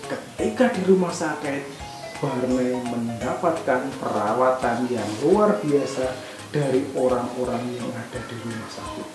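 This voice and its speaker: A woman telling a Bible story to children at an online church service, gently asking them questions along the way. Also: a bass voice, a little slow. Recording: echoey room with music behind.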